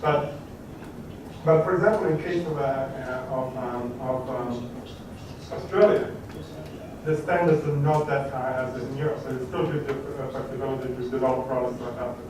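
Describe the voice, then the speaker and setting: A man's voice: mid-range voice, fairly even intonation, normal speed. Man in an echoey hall. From Croatia. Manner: hesitant, many fillers and restarts. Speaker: conference speaker answering questions. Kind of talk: conference Q&A answer. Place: large conference hall. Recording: echoey hall from a distant mic, background noise.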